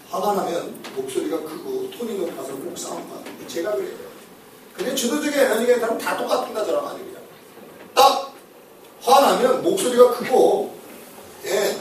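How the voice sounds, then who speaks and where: A man giving an animated, joking lecture on personality types to an audience, often checking that they follow. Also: sits high. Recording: echoey hall, voice from far off, noisy.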